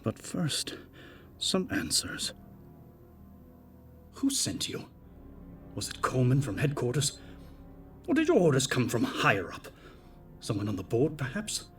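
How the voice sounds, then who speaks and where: A man's voice: medium pitch, wildly swooping pitch, measured pace, pauses often, pitched above the performer's own voice. A man voicing a sadistic, paranoid corrupt police chief in an audio drama, taunting and menacing, with music behind. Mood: cold interrogation.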